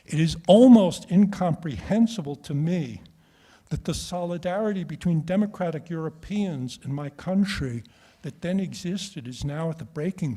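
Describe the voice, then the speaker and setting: A man moderates a conference and delivers a prepared address in a formal, measured way. His voice sits a little high for a man. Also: dark tone. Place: conference room.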